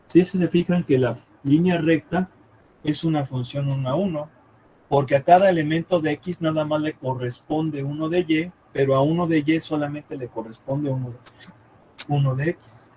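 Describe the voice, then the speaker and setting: A math teacher with a somewhat high voice lectures a live class. He repeats his points, thinks aloud as he draws, and keeps checking whether the students follow. A faint hum of room noise sits behind him. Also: dark tone, low-quality recording. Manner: checks understanding often with quick questions, repeats himself; thinks aloud while drawing on the board.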